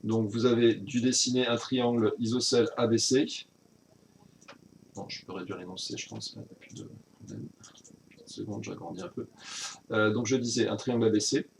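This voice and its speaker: A man's voice: lowish voice, fairly even intonation, fairly quick, vocal fry, slight background noise. A man teaching a recorded virtual class recap, explaining step by step with frequent hesitations and self-corrections.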